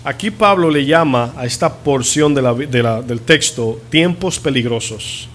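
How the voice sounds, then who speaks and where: A man who is a pastor preaching a sermon in a church, asking the congregation questions and drawing out key words slowly for emphasis. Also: medium pitch, lively intonation, fairly bright tone, slight background noise. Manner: teaching, asks the congregation questions.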